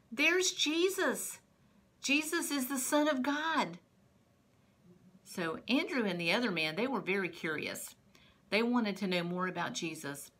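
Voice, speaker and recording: Slow, gentle woman teaching preschoolers. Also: fairly low pitch. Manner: patient storyteller speaking to young children. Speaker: Sunday school teacher. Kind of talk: children's Bible lesson.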